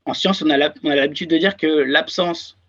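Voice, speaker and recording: A man in his thirties with a French accent, an R&D engineer, chats casually as an interview guest, often hesitating with fillers and restarts. His voice is a little high and a bit bright, and he talks a little fast. The recording sounds dull and lo-fi.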